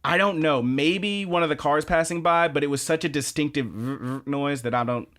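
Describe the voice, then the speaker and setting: A man co-hosting a podcast, casually recapping anime episodes in a rambling, animated way and jumping into excited voices for quoted lines. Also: a little high, moderate pace. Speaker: podcast co-host.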